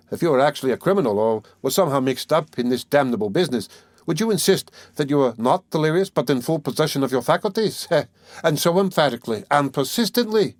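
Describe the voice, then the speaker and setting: A man's voice: mid-range voice, no echo, clean studio sound, natural voice. A man voicing a sly, genial middle-aged examining lawyer who talks in a fussy, teasing way, in an audiobook reading.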